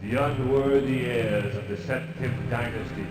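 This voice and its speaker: A man's voice: medium pitch, unhurried, echoey room, natural voice, low-quality recording. A man playing an ominous, solemn narrator in a fantasy game intro, with portentous dramatic phrasing.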